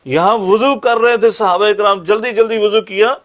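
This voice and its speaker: High-voiced man teaching a hadith lesson. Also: fairly even intonation, fairly bright tone. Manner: explanatory, recites Arabic slowly then explains. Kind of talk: religious lesson.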